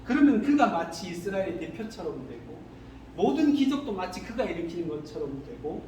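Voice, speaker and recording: Male pastor, sermon, high lively pitch, echoey room with faint hiss. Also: brisk. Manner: animated, asks the congregation rhetorical questions. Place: church sanctuary. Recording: echoey hall, distant mic, faint noise.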